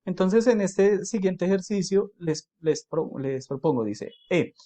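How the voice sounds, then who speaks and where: Male teacher, slightly high voice, patient step-by-step explainer who slows down for English examples. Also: animated, dark tone. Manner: explains patiently, with frequent checks like "¿cierto?" and "¿listo?"; slows down and lifts his voice to model English phrases. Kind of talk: video tutorial lesson.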